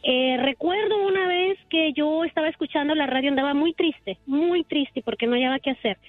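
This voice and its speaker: A woman calls in to a radio show, earnest and talkative. Her high voice comes through a tinny phone line, dry and close. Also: normal speed, dry recording, soft background music. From El Salvador. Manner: earnest, talkative, emotional storytelling. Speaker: caller, salon owner. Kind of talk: casual phone-in chat.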